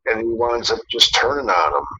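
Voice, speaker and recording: A man's voice: mid-range voice, lively intonation, a little fast, pushed and bright, slightly rough, muffled recording. A man co-hosting a casual podcast, rambling through a story with many fillers and some swearing. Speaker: podcast co-host.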